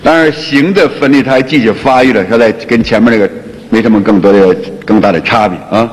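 A man teaching a qigong lecture, talking in a colloquial, lively way and often repeating his phrases. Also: lowish voice, brisk. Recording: long hall reverb.

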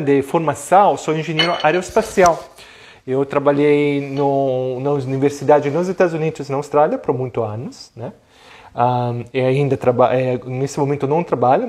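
Italian guy w italian accent, 30s, bit high voice, chatty halting live cooking class, drops in italian greetings. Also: darkish tone. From Italy. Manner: chatty and hesitant, mixing Italian greetings into talk. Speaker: online cooking class host. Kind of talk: casual live cooking lesson. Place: home kitchen, indoors. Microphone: clip-on lapel mic.

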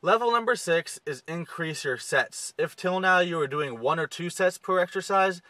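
A young man in his twenties talks straight to the camera from the driver's seat of a car, laying out gym steps in a steady, instructive way. His voice is bright and forceful, a little higher than most men's, and sounds close and dry. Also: dry recording, poor audio. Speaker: fitness coach. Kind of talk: direct-to-camera fitness tips. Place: inside a parked car. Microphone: camera close to the face.

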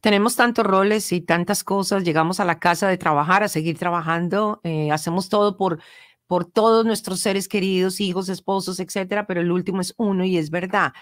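A woman's voice: on the low side, fairly even intonation, brisk, no echo. A woman from Colombia hosting a radio interview show in a studio, speaking encouragingly and affirming her guest often. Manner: encouraging, affirming, many short acknowledgements. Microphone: studio mic.

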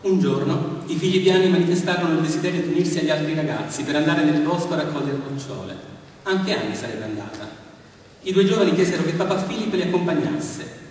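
A man giving a measured, expressive dramatic reading of a story. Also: fairly high pitch, a little hiss or hum. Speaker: reader, storyteller. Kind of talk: dramatic literary reading with music. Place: large hall of a villa's lemon house. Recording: echoey hall, far from mic.

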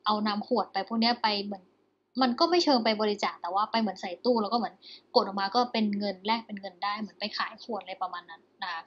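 A woman's voice: medium pitch, steady tone, husky, muffled recording. Chatty Thai woman teaching English listening. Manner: chatty, slow English reading with Thai explanation. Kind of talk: explaining a listening exercise.

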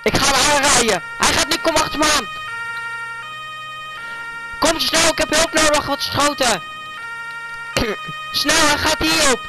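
A man's voice: very high-pitched, over loud music, rough recording. Urgent male gaming vlogger. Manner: urgent, hurried calls to a teammate. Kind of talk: live gaming commentary with a friend.

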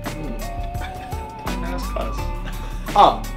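A man in his twenties chatting excitably and swearing during a party game, his words sometimes garbled by a mouthguard. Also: extremely high pitch, very slow, over music. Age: 20s. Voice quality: speech often garbled by a mouthguard. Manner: excitable, profane. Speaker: challenge participant in a group video. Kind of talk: casual chat in a party game. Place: small carpeted hotel-style living room. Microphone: camera a few metres away.

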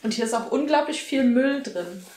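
A woman's voice: fairly high pitch, expressive, normal speed, background noise. A young woman in her twenties talks casually to the camera in a lifestyle vlog. She sounds chatty and upbeat as she lists her chores in a small apartment. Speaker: lifestyle vlogger. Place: small bright apartment room, indoors.

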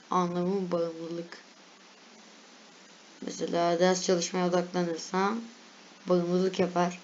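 A woman's voice: mid-range voice, dull audio. A young woman casually reading and reacting to lists aloud, chatty and laughing at herself. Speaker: vlogger.

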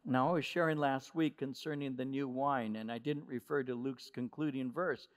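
A male pastor preaching a sermon in a conversational way, with restarts and slow stress on key words. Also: medium pitch, fairly even intonation.

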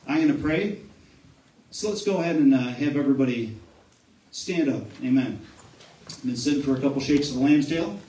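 A man's voice: mid-range voice, a little fast, long pauses. A man preaching a sermon and calling people forward, often adding "amen" and restarting phrases. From Buffalo, New York area, US. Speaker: pastor. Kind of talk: sermon with altar call. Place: church sanctuary. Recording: echoey church room, distant mic, soft music.

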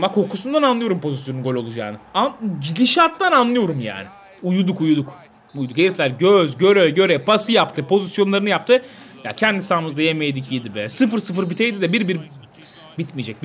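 A young man commentating his own football video game, talking to his players like a coach and shouting when goals go in. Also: sits high. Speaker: gaming video host.

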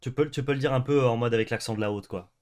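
A young man co-hosts a card game stream in an excitable, casual way. He swears easily and breaks into laughter. His voice sits at an ordinary middle pitch. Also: racing. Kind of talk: casual gaming chat.

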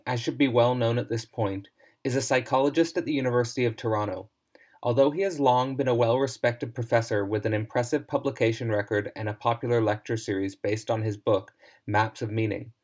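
A man narrating a scripted philosophy lecture in a measured, formal reading voice. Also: medium pitch, darkish tone.

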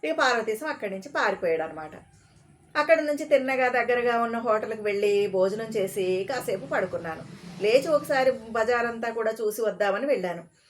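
Woman storyteller, slightly high voice, chatty and explanatory, casual comic reading. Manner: chatty, explains old words as she reads.

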